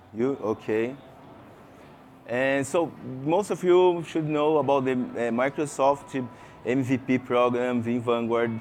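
This conference speaker is a Brazilian man with a mid-range voice and a Portuguese mother tongue, and his accent shows it. Faint hum or hiss sits under the recording of the session room. He often restarts and leans on fillers, speaking haltingly, and throws questions out to listeners.

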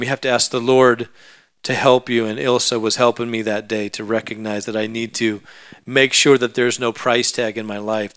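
A man's voice: medium pitch, a bit bright, smooth, no echo. A man preaching a sermon, telling a personal story in a conversational way that builds into emphatic preaching.

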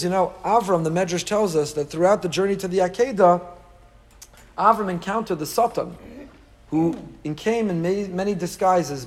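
A man giving a rabbi's sermon to a class, emphatic, repeating key phrases and posing rhetorical questions. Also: a little high. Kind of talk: sermon, Torah lecture to a live group.

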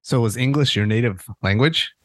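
A man's voice: medium pitch, normal speed, fairly bright tone, no room sound, clean studio sound. A man hosting a sports podcast, asking long, winding interview questions.

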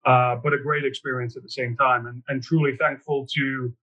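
A man from near chats as a podcast guest, relaxed and dotted with ums and uhs. His voice is bright and forceful. The audio sounds a little dull and lo-fi. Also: mid-range voice, normal speed. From England, near Liverpool. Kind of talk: casual interview chat.

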